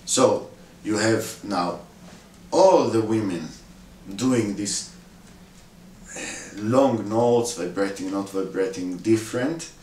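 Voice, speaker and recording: A man explaining a vocal score step by step, pausing often with fillers and acting out the sounds himself. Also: lowish voice, a little mellow. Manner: demonstrates sounds with his own voice, many fillers. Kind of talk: instructional walkthrough. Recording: echoey room, voice from far off.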